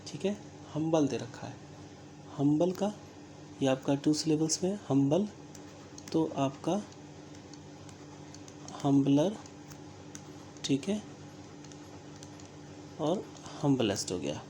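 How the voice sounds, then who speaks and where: A teacher with an Indian English accent works through a grammar exercise at an unhurried, measured pace. The voice is soft and mellow. A faint hiss sits under the recording. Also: medium pitch, sing-song. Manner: slow, deliberate, checks understanding with frequent "theek hai"; spells words out letter by letter. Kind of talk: recorded classroom-style grammar lesson.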